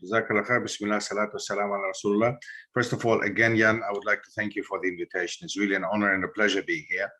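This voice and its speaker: Greek-born male historian guest, bright tone, lively storyteller who acts out dialogue in an interview. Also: on the low side, very fast. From Greece. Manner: animated storyteller acting out quoted dialogue.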